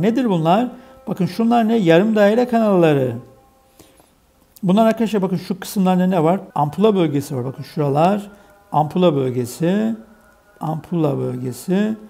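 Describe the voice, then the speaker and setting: A man's voice: sits high, gravelly, warm tone. A man explaining an exam solution in a biology lesson step by step, asking questions and answering them himself, repeating key terms. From Turkey. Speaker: biology teacher.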